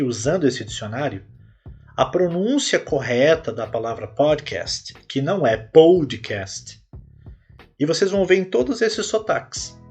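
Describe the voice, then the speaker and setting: Husky man teaching English. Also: medium pitch, darkish tone. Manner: clear, explanatory, repeats words for emphasis. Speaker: English teacher and podcast host. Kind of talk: solo educational podcast.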